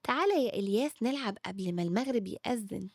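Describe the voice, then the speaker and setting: A woman with an Egyptian Arabic accent voicing a calm, orderly big sister who speaks patiently. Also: medium pitch, fast, creaky, no room sound, clean studio sound. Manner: calm, patient, gently wise.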